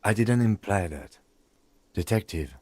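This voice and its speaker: A composed, reserved police detective in a video game. He speaks in a calm, clipped way at a somewhat low pitch. The recording is dry and close. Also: a little slow, breathy edge, dry recording. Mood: measured.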